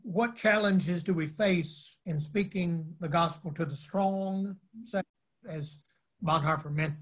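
An older man, a former college chaplain, answering interview questions over a video call in a wry, animated way, with many stammered restarts. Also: fairly high pitch, takes it slowly.

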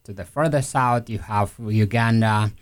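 A man's voice: fairly low pitch, measured pace. A man from South Sudan speaking as an interview guest, thoughtful and hesitant with many fillers and restarts. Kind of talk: conversational interview.

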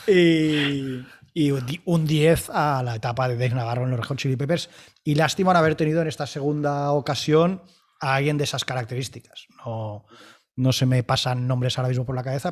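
A man, debating music in an emphatic, enthusiastic way, often repeating words. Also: mid-range voice. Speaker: panelist.

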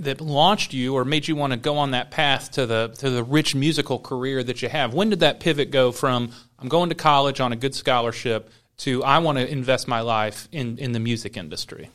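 A man's voice: mid-range voice, normal speed, fairly bright tone. A man from Southeast Iowa hosting a podcast, opening with friendly, scripted-sounding introductions before interviewing his guest. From Southeast Iowa, USA. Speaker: podcast host.

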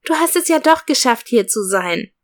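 An excited little child in a read-aloud Christmas-style storybook, calling out eager questions, as a woman reads it. The voice sits higher than the reader's own, bright and keen. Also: normal speed.

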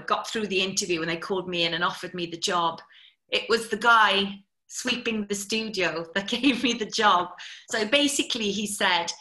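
A woman's voice: medium pitch, low-quality recording. A woman, a TV presenter, chattily telling stories as an interview guest. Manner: chatty, lively storyteller. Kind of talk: anecdotal storytelling.

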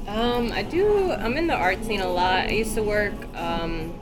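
A woman's voice: mid-range voice, lively intonation, a little slow, rough recording. A woman from Queens with a New York accent, chatting casually as a guest in an interview. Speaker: podcast guest, freelance photographer and filmmaker. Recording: loud music behind the talk. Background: loud music.

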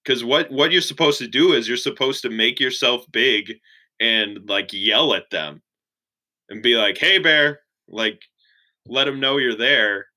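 A young man in his twenties chatting casually as an interview guest, relaxed and full of "like" fillers. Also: mid-range voice, unhurried, rough recording. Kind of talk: casual chat.

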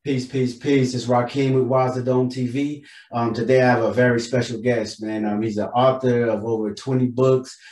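A man's voice: mid-range voice, level tone, normal speed, few pauses, a little mellow, echoey room. A man hosting an interview, laid-back and appreciative, with loose, easy phrasing. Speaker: podcast host.

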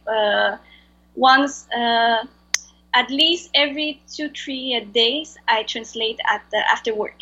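Her voice is on the high side, pushed, bright and husky, with the highs cut off. A guest translator whose first language is Vietnamese, she speaks English with a French accent and hesitantly searches for words while answering interview questions over a video call.

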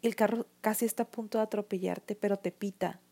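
A woman's voice: mid-range voice, fairly even intonation, a little fast, gravelly, mellow, breathy edge. A woman with a Mexican accent telling her own story to camera in an earnest, emotional way, often restarting her sentences. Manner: earnest and emotional, many restarts and "o sea" fillers. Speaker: vlogger sharing her experience. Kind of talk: personal testimony talk to camera.

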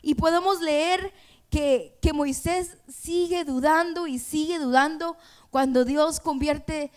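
A woman's voice: high voice, takes it slowly. A woman preaching a sermon in an earnest way, retelling scripture quoted dialogue and slipping in words.

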